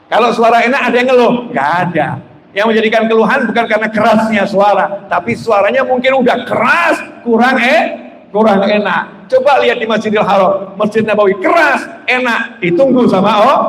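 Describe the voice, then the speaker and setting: Lively preacher man in an echoey hall. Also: sits high. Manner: lively and humorous, acts out chatter with sudden loud bursts. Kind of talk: sermon in a live stream. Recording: echoey hall, faint background noise.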